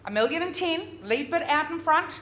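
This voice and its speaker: A woman working as a real estate auctioneer, calling bids live with drawn-out repeated figures and chatty coaxing of bidders. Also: sits high, animated, fairly bright tone. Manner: drawn-out, repeated bid calls. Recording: noisy live auction room.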